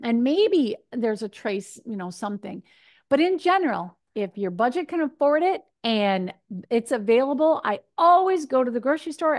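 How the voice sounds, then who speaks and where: A woman in her fifties from Michigan, a nutrition speaker answering questions in a chatty, animated way over a video call from her home kitchen. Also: sits high. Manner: chatty and animated, gesturing, acts out her own thoughts. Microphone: video call webcam.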